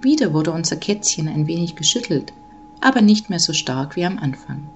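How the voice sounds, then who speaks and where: Female storyteller, lowish voice, gentle measured reading for children. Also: sing-song, dull audio, slight background noise.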